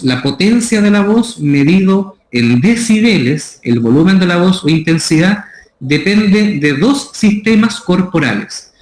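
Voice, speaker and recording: Chilean man lecturing in an echoey room. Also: on the high side. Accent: Chilean Spanish. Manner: methodical, explanatory, repeats terms. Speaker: voice care workshop instructor. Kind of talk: lecture on voice care. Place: school room.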